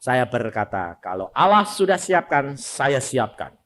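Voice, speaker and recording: Animated older preacher with speech. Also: male voice, medium pitch, measured pace. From Indonesia. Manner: animated, swinging from loud exclamations to quiet asides, acting out family dialogue. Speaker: evangelist preacher. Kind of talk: sermon with storytelling.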